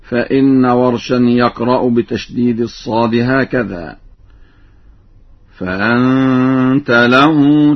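A man explaining the variants of a Quran recitation in a measured, didactic way, drawing out the verses he quotes in slow chant. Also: medium pitch. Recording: dull, lo-fi radio recording.

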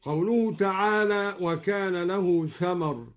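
Slow, high-voiced man chanting recitation lessons. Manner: measured, alternates plain explanation with drawn-out melodic chanting. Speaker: Quran recitation teacher. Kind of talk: explaining recitation variants with slow chanted examples. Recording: dull lo-fi recording.

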